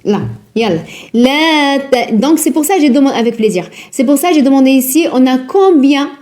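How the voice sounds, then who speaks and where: A woman teaching Quran recitation rules in a live lesson, patient and repetitive, drilling words slowly and asking her students questions. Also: sits high, animated, darkish tone. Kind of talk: live online tajwid lesson.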